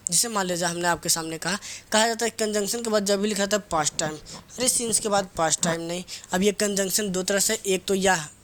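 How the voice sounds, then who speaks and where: A man's voice: high voice, fairly bright tone. A male teacher, giving a casual grammar lesson, often asking a question and answering it himself. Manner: repeats key words, asks and answers own questions; casual, teasing scolding of students.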